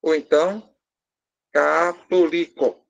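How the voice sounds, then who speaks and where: A man's voice: a little high, fairly even intonation, slow, creaky. Brazilian male teacher, patient step-by-step explainer, quizzes the class, a little teasing. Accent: Brazilian Portuguese. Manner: lightly teasing, joking with the class. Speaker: language teacher. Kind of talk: live class lesson.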